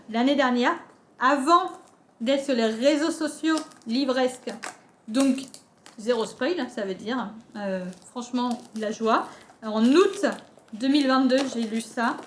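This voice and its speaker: A woman's voice: sits high, a little hiss or hum. A French woman chatting casually as a book vlogger, unboxing with many fillers and restarts.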